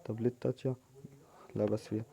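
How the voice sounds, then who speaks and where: A young man with an Egyptian Arabic accent, commenting casually on his own football video game match and shouting at the players in excited bursts. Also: lowish voice, very fast, vocal fry, husky. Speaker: gaming channel host.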